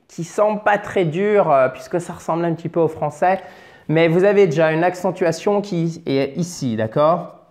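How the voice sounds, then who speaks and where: Standing at a board, a man teaches English pronunciation in French, patiently repeating and drilling words. He makes chatty asides and corrects himself along the way, his voice somewhat high and a little mellow.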